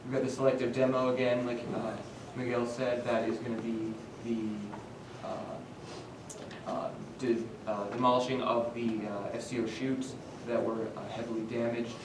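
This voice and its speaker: A young man giving a student team presentation, steady with frequent filler sounds, recorded from a distance in a noisy, echoey room. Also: mid-range voice, measured pace.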